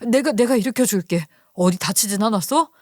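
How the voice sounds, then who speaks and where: Anxious, hurried young husband in an audio story, read by the female narrator. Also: on the high side, a little mellow, no room sound, studio quality, lightly acted. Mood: worried. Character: worried young husband rushing to help.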